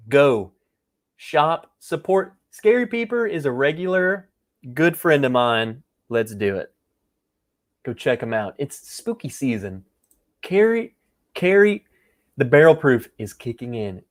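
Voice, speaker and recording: Chatty man hosting a whiskey livestream. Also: fairly high pitch. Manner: joking, rambling, chatty with viewers. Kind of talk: casual livestream tasting chat.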